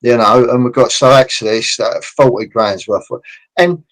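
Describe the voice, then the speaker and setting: Male guest, lively and blunt, mid pitch, slips into quick put-on voices of the people he quotes. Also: low-quality recording. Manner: animated, acts out quoted people; blunt, passionate about his trade. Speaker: construction consultant guest. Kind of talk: podcast interview.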